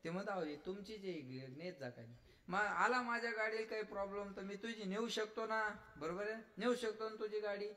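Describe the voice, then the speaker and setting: A man's voice: sits high, a little fast. A man with a rural Vidarbha Marathi accent delivering a devotional kirtan sermon, telling stories, acting out voices and urging his listeners. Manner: animated storytelling, acts out voices, exhorts audience. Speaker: kirtan preacher.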